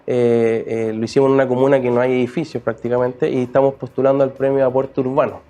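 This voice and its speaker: A middle-aged Chilean man, a real estate guest on a talk show, speaking haltingly with many restarts. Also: mid-range voice, little pitch movement, warm tone. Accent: Chilean Spanish. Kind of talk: casual talk-show chat.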